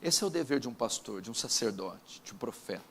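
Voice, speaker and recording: A man with a Brazilian Portuguese accent, a pastor praying and preaching at a church service, solemn and emphatic with drawn-out pauses. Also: medium pitch, expressive, fairly bright tone, big-room sound, a little hiss or hum. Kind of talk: sermon with opening prayer.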